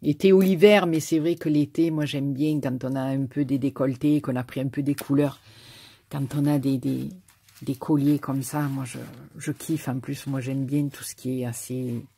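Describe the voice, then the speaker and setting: In a casual mail-opening video, a craft YouTuber with a southern French accent chats as she unpacks her post, effusive and prone to repeating words and stammering. Her bass voice is steady, dark and husky, at normal speed in a dry recording.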